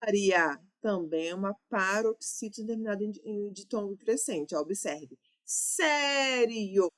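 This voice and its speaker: A woman with a Brazilian Portuguese accent teaching an exam-prep grammar lesson, explaining step by step and correcting herself as she goes. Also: medium pitch.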